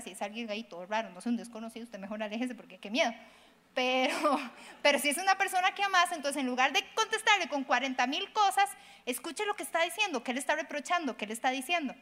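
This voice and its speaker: A middle-aged woman pastor, preaching in an animated, conversational way, acting out quoted voices and addressing listeners directly. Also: sits high. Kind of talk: conversational sermon.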